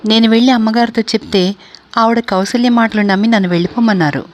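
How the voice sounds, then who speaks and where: A woman voicing a scheming young maidservant in a read-aloud story, speaking quickly and quarrelsomely. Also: fairly high pitch, fairly even intonation, lightly acted. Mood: complaining.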